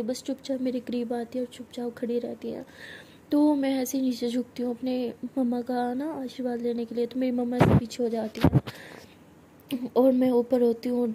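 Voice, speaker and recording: A young woman narrating a personal love story in first person, acting out the dialogue in a soft, hushed voice. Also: a little high, noisy background.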